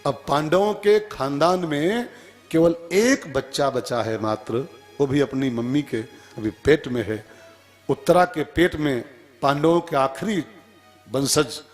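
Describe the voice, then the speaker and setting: A man telling a devotional sermon story, animated and humorous, acting out the voices of the people in it. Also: a little high, a little slow, faint music behind. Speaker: religious storyteller.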